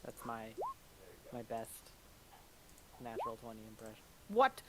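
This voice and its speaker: A man's voice: a little high, lively intonation, moderate pace, heavy background noise. A man playing in a tabletop game, joking playfully and laughing with the others. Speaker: player.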